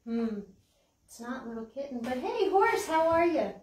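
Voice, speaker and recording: This older American woman's high-pitched, darkish voice swings widely in pitch at a normal speed as she hosts a children's library storytime. Puppets, songs and a read-aloud fill the session, and she asks encouraging, simple questions as if to young kids. A distant mic captures a roomy space with hiss.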